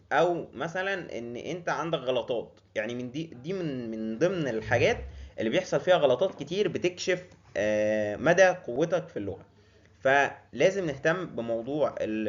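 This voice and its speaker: A young man with an Egyptian Arabic accent teaching English pronunciation in a casual lesson, repeating drilled words slowly with many fillers and restarts. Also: medium pitch, dull audio.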